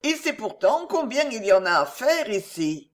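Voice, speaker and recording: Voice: medium pitch, very animated, normal speed, fairly bright tone. A reader voicing a cheerful, good-humoured young innkeeper's daughter in an audiobook of a period novel. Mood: exasperated.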